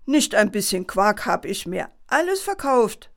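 A woman's voice: fairly high pitch, expressive, moderate pace, lightly acted. A woman voicing a foolish, good-natured young peasant man in a bedtime story, sounding naive and earnest. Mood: puzzled.

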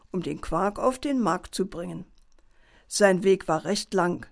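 Calm woman storyteller for a bedtime tale, slow measured reading. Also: mid-range voice.

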